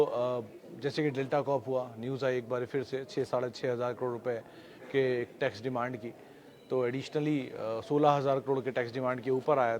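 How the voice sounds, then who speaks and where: Man hosting a market wrap. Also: mid-range voice. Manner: steady explanatory delivery with frequent filler hesitations. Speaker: market show host. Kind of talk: daily stock market wrap-up.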